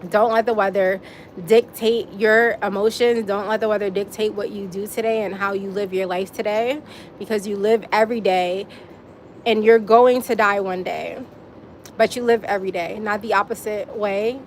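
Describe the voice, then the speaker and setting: Outdoors on a casual livestream, a woman chats directly to her viewers and keeps breaking into little laughs. Her medium-pitched voice holds fairly even intonation at a moderate pace, with slight background noise.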